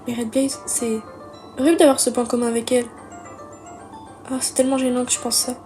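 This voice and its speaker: Woman voicing Yuri, shy and soft-spoken. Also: a little high, little pitch movement, brisk, natural voice. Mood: embarrassed. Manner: quiet, hesitant, apologetic. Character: shy, soft-spoken bookish teen girl. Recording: music playing underneath. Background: game music.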